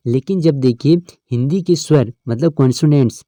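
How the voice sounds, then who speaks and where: A man's voice: medium pitch, normal speed, warm tone, no echo, studio quality. A male teacher, explaining an English grammar lesson step by step and often checking in with his students. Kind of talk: exam-prep lesson.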